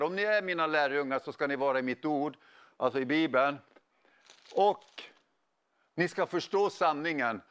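A middle-aged man preaching a sermon, telling stories in an animated way with casual slang. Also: fairly high pitch. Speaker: pastor. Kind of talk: sermon with storytelling.

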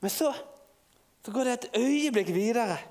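A man preaching in an informal storytelling way, halting and restarting often. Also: very high-pitched, expressive, darkish tone. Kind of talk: sermon.

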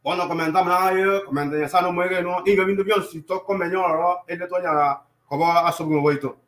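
Male sermon interpreter, high monotone voice, echoes each line, roomy church sound. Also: fast. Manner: echoing each line in call and response.

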